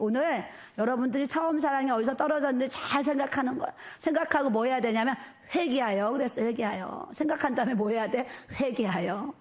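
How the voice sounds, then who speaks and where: Middle-aged woman pastor, animated and emphatic sermon delivery in a church, slightly high voice. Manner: animated, emphatic preaching with repeated fillers. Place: church sanctuary.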